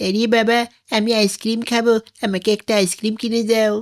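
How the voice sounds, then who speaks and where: A woman's voice: fairly high pitch, steady tone, brisk, close to an everyday voice. A woman voicing a cheeky little boy. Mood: whiny. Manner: whiny, childish. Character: small boy, cheeky and spirited.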